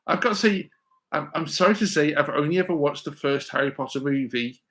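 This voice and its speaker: A man's voice: a little high, fairly quick, fairly bright tone. A man answering viewers' exam questions on a live stream, rambling with many stammered restarts and reading chat messages aloud. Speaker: physics teacher hosting a live Q&A.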